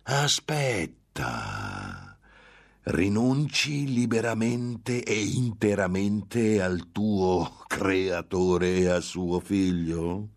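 A man voicing a gloating, impatient male demon who tempts a monk, drawing out his words slowly and menacingly. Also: lowish voice, voice pushed up, full character voice. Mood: coaxing. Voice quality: slow, drawn-out menacing delivery.

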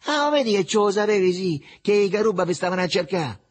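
A man's voice: high-pitched, expressive, fast talker, voice pushed up. A man voicing a brash, teasing teenage boy with a Roman accent. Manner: mocking, boisterous.

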